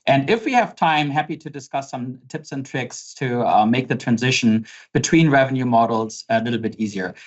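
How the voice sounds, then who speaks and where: A man's voice: mid-range voice, lively intonation, moderate pace, few pauses. German-accented guy in his 40s doing a webinar from his office, lots of uhs and ums, kinda dull lo-fi sound. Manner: conversational, many fillers and repeated words. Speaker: pricing consultant presenting a webinar. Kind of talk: webinar presentation. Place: home office. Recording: slightly dull lo-fi audio.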